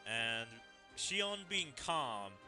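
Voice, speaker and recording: A man streams a video game, giving casual running commentary and speculating aloud as he plays, with game music behind him. His voice is a little high, pushed and bright, with big pitch swings, and he speaks extremely slowly.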